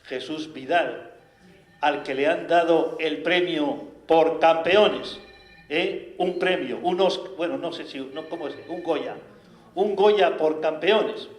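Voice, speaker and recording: A man with a Spanish accent preaching a sermon, animated and full of rhetorical questions. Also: fairly high pitch, slow pace. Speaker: priest. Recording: echoey room.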